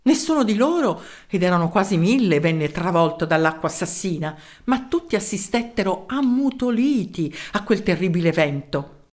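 A woman reading a children's story aloud, expressive and lively, voicing the characters' lines and sound effects. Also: mid-range voice. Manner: expressive, with sound-effect words and voiced quotes.

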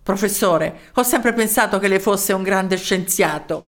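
A woman voicing a jolly male village mayor in a storybook, brisk and hearty. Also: medium pitch, lightly acted. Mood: warm.

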